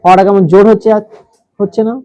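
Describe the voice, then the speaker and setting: A man's voice: high voice, flat delivery, fast, warm tone, dry recording, lo-fi sound. A male teacher leading a classroom grammar lesson, explaining step by step and putting questions to the class.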